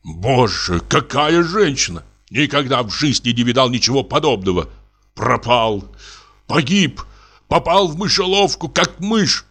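A man playing a blunt, hot-tempered middle-aged landowner, blustering and halting, as in an audiobook drama reading. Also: medium pitch, sing-song, fairly bright tone, breathy edge, heavily acted. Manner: blustering, halting, self-mocking.

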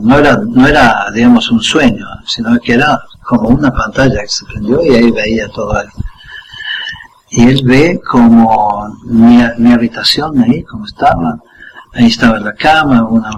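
An older man tells his story calmly, pausing to act out each detail of the scene. His voice sits at an ordinary middle pitch. A faint hiss of background noise runs under the recording. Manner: unhurried storyteller, acts out the scene with short asides. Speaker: interview guest. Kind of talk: personal testimony, storytelling. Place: school radio studio.

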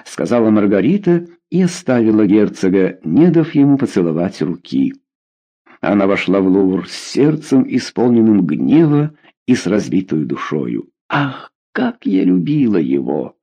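A man narrating a historical novel in an expressive, measured audiobook reading. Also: on the low side.

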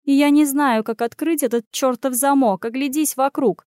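A bossy talking she-cat with quick, scolding retorts, pitched up high, as a woman narrator puts her on. The sound is close and dry, with no room around it. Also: mellow, no echo, natural voice. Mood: fretful. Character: sharp-tongued female talking cat, bossy. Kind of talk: audiobook character voice.

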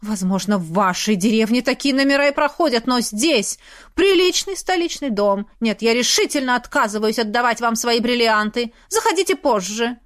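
A woman's voice: fairly high pitch, expressive, moderate pace, close to an everyday voice. A woman narrator voicing a haughty, condescending older aristocratic lady in an audiobook. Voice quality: mannered, lecturing. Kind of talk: audiobook character voice.

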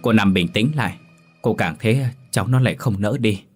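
A man's voice: lowish voice, normal speed, a little mellow, breathy edge, faint music behind. A man voicing a kind village neighbor woman who soothes a grieving mother. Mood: soothing.

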